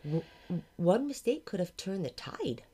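Middle-aged mom as guest, somewhat low voice, emphatic, exclaims often. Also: female voice, a little hiss or hum. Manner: emphatic and expressive, quick to exclaim. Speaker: podcast guest, host's mother. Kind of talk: casual chat.

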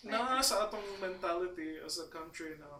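A woman's voice: on the low side, fairly quick. A woman with a Filipino accent talking in a casual group chat. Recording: roomy, distant mic, chatter behind.

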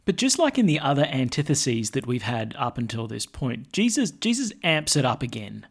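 A man's voice: mid-range voice, big pitch swings, moderate pace, creaky, slightly rough. A man speaking as a clergyman at Mass, reading the gospel and giving a homily in an emphatic, rhetorical way. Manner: emphatic, rhetorical, informal when preaching.

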